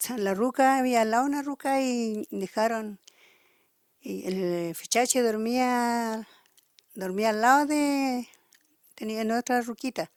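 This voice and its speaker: Chilean woman slowly telling an old folk tale, stops and restarts a lot, dry recording. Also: medium pitch, clean tone, no room sound. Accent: Chilean Spanish. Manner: halting, restarts often. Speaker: storyteller. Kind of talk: traditional folk tale told aloud.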